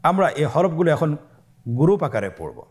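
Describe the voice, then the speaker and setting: A man teaching beginners the Arabic letters in a recorded lesson, calmly saying each letter sound and pausing for students to repeat it. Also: fairly high pitch. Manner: slow, patient call-and-repeat drilling; stretches letter sounds long. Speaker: Quran teacher.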